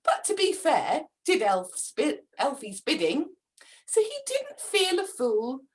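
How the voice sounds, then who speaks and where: Dramatic, slow woman storyteller. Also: high voice. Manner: dramatic, expressive, with gasps. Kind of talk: rhyming storybook reading.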